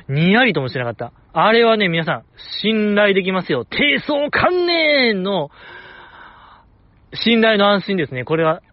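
A man's voice: fairly high pitch, dry recording. A man hosting a casual solo talk show, rambling with chuckles and mock-formal asides. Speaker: podcast host. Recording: slightly dull, dry recording.

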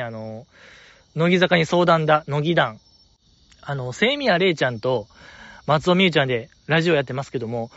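Animated Kansai-accented man, enthusiastic rambling. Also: fairly high pitch, no room sound, muffled recording. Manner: enthusiastic, rambling, lots of fillers. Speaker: podcast host reading listener letters. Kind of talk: casual fan chat.

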